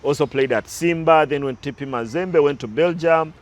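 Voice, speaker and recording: A man's voice: fairly high pitch, brisk. A man talking through recent football matches as a pundit, analytical and prone to side stories, with some restarts. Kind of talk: casual sports talk.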